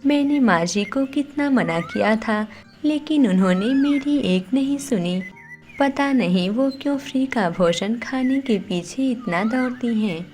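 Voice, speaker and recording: Cartoon casting: woman voicing a gentle, dutiful young daughter-in-law bird, slow and earnest. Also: on the high side, expressive. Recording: light background music.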